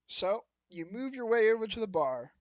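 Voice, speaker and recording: A man narrating as game master of a tabletop game, often pausing to correct himself. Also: high voice, very animated, no room sound, dull audio.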